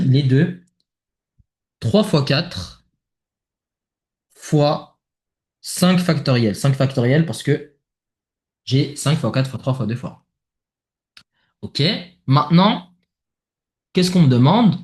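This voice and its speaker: A man's voice: a little high, a little mellow. A man with a French accent talking casually through a math exercise step by step, thinking aloud with many fillers. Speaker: math tutor. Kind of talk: worked exercise explanation. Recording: echoey room.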